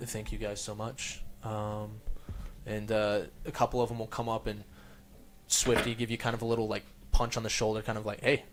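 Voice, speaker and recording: A man narrating as game master in a tabletop game, loose and relaxed with lots of fillers. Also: on the low side, brisk, background noise.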